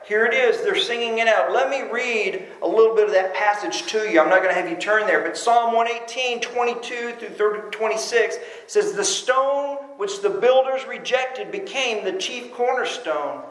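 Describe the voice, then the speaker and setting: A man preaching a sermon in a church, with a high, light voice that rings around a roomy, echoey space. He delivers it with animated energy, sinking low for emphasis and acting out the cries of the crowd. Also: normal speed, few pauses. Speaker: pastor.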